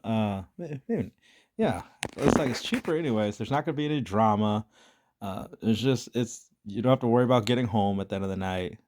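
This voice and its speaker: A man co-hosting a casual reaction chat, laid-back and slangy, quick to laugh. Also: lowish voice, a little mellow, a little hiss or hum. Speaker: co-host reacting to clips.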